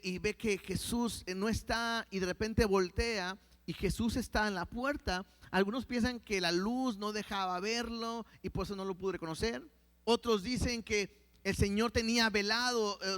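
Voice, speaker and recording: High-voiced preacher man in a hall. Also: fairly bright tone. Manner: reads verses aloud, then explains with many restarts. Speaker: pastor. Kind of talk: sermon with Bible reading.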